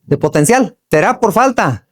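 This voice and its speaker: A man's voice: high-pitched, animated, moderate pace. A middle-aged man from Chihuahua gives a motivational talk to workers in a folksy, earthy way, full of slang and questions to the audience. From Chihuahua, Mexico. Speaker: motivational speaker.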